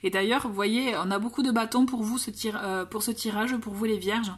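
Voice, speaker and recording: A woman giving a casual oracle card reading to her viewers, gentle and encouraging, with many fillers and restarts. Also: on the high side, steady tone, fairly quick, breathy edge. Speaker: tarot and oracle card reader.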